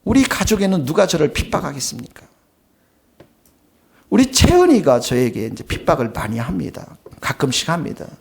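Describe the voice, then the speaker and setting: Animated male pastor preaching. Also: a little high, normal speed, creaky. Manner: emphatic, addresses the congregation directly; tells personal anecdotes in a plain conversational tone. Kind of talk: sermon.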